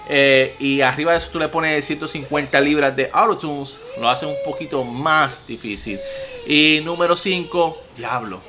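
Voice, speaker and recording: With a voice on the high side at a normal pace, a young man from Puerto Rico reacts to music in a casual vlog, speaking with a Puerto Rican Spanish accent. He curses plenty and talks with big gestures, filming indoors in his room of TVs and gaming equipment.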